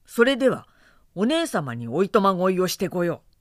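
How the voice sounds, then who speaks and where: A woman's voice: medium pitch, lively intonation, a bit bright, no room sound, clean studio sound, lightly acted. An earnest young storm god pleading, as a woman narrator puts him on. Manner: polite, rapid pleading speech.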